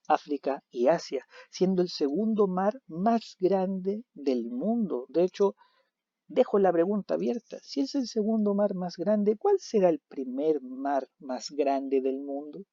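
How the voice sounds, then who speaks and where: A man teaching a recorded video lesson, animated, asking questions and answering them himself. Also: fairly high pitch, unhurried, dry recording. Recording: dull lo-fi recording.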